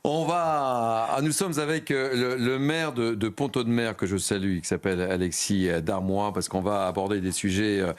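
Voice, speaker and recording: A man's voice: on the low side, normal speed, few pauses. A man hosting a live TV news show, teasing a colleague and then introducing a guest with many hesitations. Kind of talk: bantering live TV news chat. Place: TV studio.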